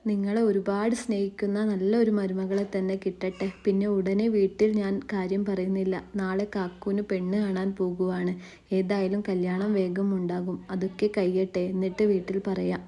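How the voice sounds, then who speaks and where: A gentle, heartbroken young wife, as a woman storyteller puts her on, speaking in a soft and mellow voice with a lilt. Her tone stays level and flat, hardly rising, and she keeps a quiet, even plea running through the storybook telling. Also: mid-range voice, normal speed, natural voice. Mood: resigned. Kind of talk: storytelling narration.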